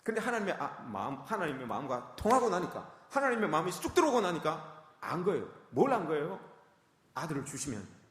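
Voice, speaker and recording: Guy preaching, kinda high voice, lots of reverb like a big church. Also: very animated, fast, fairly bright tone. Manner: emphatic, repetitive preaching, addressing the congregation often. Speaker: pastor. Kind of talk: sermon.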